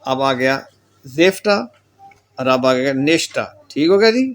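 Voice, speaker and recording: This classroom lecture features a man explaining German pronunciation in an animated, mid-range voice at a moderate pace. Patiently going through word lists, he gives each example and its meaning and keeps adding the short filler "theek ho gaya ji."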